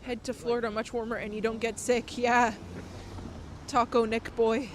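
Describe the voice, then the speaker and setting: Recovering from a cold, a woman streaming live outdoors at night sounds slightly nasal as she chats about viewer comments and often laughs. Her voice is on the high side, level in tone and normal in speed, with slight background noise on the city streets.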